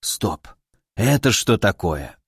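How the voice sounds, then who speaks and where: A cranky little ancient hermit, as a male narrator puts him on, slow, gruff and bossy. His voice rises and falls sharply as he grumbles and demands answers. The reading is close and dry, with no room sound. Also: lowish voice, big pitch swings, no room sound, voice pushed down, full character voice.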